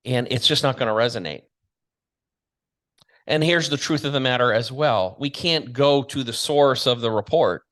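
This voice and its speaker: A man's voice: medium pitch, fairly bright tone. A man hosting a talk show, speaking straight to his audience in a blunt, combative, emphatic way. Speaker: show host and commentator. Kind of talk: opinionated monologue to an audience.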